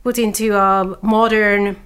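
A woman's voice: mid-range voice, little pitch movement, unhurried, a bit bright, smooth. A woman from Hungary with a Hungarian accent, chatting casually as a musician guest in a living room interview. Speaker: guest, cellist and cello teacher.

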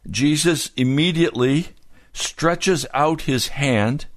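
A man preaching a sermon as a pastor. He tells the story slowly and deliberately, pausing to explain each point. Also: a little high, no room sound, clean studio sound.

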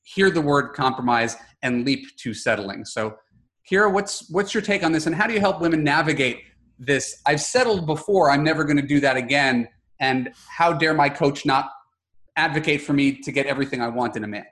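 Chatting through a casual interview, a man in his forties who hosts a podcast speaks a little fast in a fairly high, somewhat bright voice. He tends to repeat words when starting sentences.

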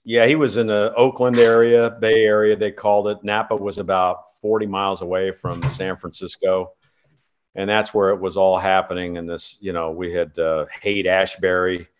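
A man's voice: low-pitched, little pitch movement, moderate pace, dull audio. A man in his sixties from California, a former tour golfer, chatting as an interview guest in a rambling, anecdotal way with many fillers. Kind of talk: casual interview chat.

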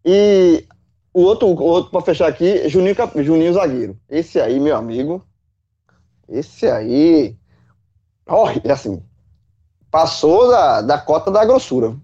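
Bahian guy talking football on a call, high voice jumping all over, husky, dull lo-fi sound. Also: measured pace, pauses often. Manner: animated, swearing, folksy analogies. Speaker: football pundit. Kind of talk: casual chat. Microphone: remote call.

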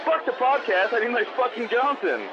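A man's voice: very high-pitched, expressive, brisk, a crowd in the background. A man calling from a jail payphone in a comedy skit, rambling, pleading and swearing as he begs for help. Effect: payphone call from jail. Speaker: podcast co-host in a phone skit. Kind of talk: comedy skit phone call. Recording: muffled phone line with loud noise.

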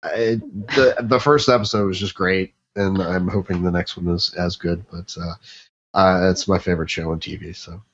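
Low-voiced man hosting a casual chat. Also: fairly even intonation, normal speed. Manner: rambling, many fillers and restarts. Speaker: podcast host. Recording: dull lo-fi sound.

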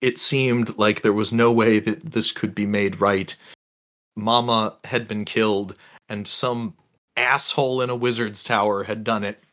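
A man narrating a tabletop game as game master, relaxed and halting, with many fillers and restarts. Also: fairly low pitch.

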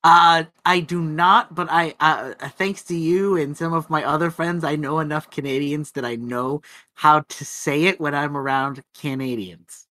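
Bright, high-pitched man chatting animatedly. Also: a little slow. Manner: animated, stammering restarts. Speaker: podcast co-host. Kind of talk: casual film podcast chat.

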